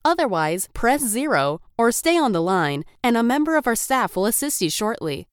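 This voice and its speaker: A woman's voice: on the high side, sing-song, normal speed, smooth, dry recording, clean studio sound. A woman reading scripted phone menu greetings in a polite customer-service manner. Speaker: phone menu voice-over artist.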